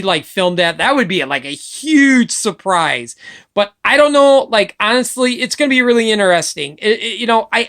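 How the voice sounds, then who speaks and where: An excitable woman chatting casually into a webcam or phone mic. Her voice sits at a middling pitch, and she gushes and swears freely as she talks. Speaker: vlogger. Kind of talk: casual opinion chat.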